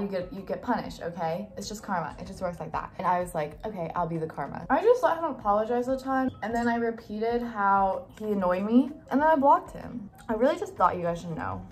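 A young college-age woman chatting casually to camera in a wry, self-mocking way. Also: medium pitch. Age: young adult, college student. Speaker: student vlogger. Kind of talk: casual vlog chat to camera. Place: dorm room, indoors.

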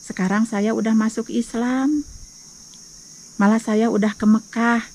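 A courteous male spirit, now devout and thankful, speaks in an unhurried, level way, as a woman passes his words on. The line is told slowly and plainly, with a faint hiss of background noise. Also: fairly high pitch, fairly even intonation, a little mellow, natural voice. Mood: grateful.

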